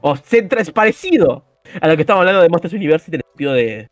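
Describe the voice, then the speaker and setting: A young man with a Rioplatense accent, chatting casually as podcast host, animated and slangy, swearing freely. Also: fairly high pitch, very fast, no echo, soft background music. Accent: Rioplatense Spanish. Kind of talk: casual chat.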